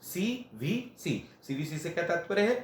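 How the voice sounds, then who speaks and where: A man's voice: high voice, big pitch swings, moderate pace, reverberant. A male teacher explaining grammar at a classroom board. He repeats each point, asks questions and answers them himself, and mixes Hindi with phrases.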